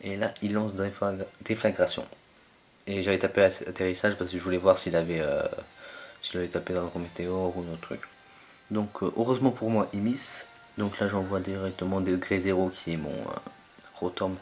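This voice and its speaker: Low-voiced young man commentating. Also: a little mellow. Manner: hesitant, lots of fillers, searches for names. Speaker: gamer commentating his own match. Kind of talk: casual game commentary.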